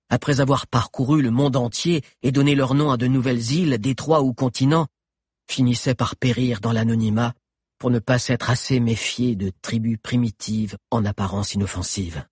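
A man tells an adventure in the first person with steady, dramatic storytelling. His voice is very husky and breathy at a mid pitch. The recording is dry and close, with no room around it. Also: moderate pace, no room sound. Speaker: audiobook narrator. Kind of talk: first-person scripted narration.

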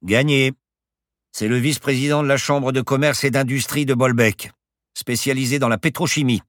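A man's voice: medium pitch, fairly even intonation, normal speed, a bit bright, dry recording, clean studio sound, pitched above the performer's own voice, natural voice. A man voicing a boastful, eccentric professor who flies a plane and talks in grand, teasing phrases. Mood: calm grandiose. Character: boastful eccentric old professor pilot, playful.

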